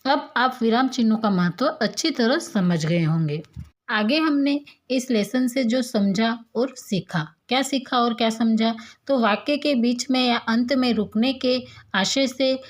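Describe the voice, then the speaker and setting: A woman teacher explaining a grammar lesson to young pupils, patiently posing questions and answering them herself, and reading examples slowly. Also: a little high. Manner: slow, clear dictation of examples.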